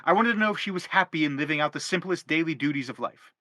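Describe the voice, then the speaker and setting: In this theatrical stage drama, a man plays a tormented middle-aged father who pleads and defends himself in a pompous, long-winded, insistent way. He talks fast in a highish, bright, forceful voice, recorded clean in a studio without echo.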